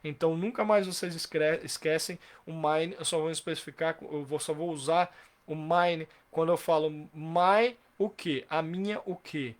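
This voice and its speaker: A man teaches English grammar in a live online class, his voice sitting a little high. He explains patiently, asks himself rhetorical questions and repeats example sentences slowly.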